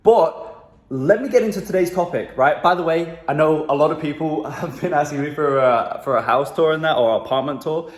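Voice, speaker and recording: A man's voice: a little high, normal speed. A man giving casual marketing advice to camera in a phone video, talking loosely with lots of fillers and "right?" tags from a room in his new apartment. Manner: loose and chatty, many fillers like "um", "and whatnot" and "right?". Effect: phone video recording. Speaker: marketing agency coach. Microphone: handheld phone held at arm's length. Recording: echoey room on a phone mic.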